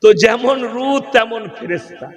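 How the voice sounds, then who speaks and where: A man with a West Bengal accent preaches a humorous sermon, teasing his audience. His voice is high and his delivery is slow and drawn out. The recording carries a long reverb like a public address system. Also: lively intonation. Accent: West Bengal (Bardhaman). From West Bengal, India. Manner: mocking, fires rhetorical questions at the crowd. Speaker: Islamic preacher.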